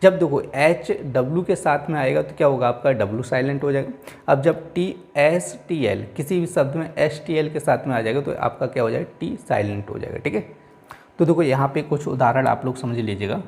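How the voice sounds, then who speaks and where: Man, teacher, gravelly voice, repeats and answers his own questions. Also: mid-range voice, brisk, darkish tone. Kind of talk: classroom lecture.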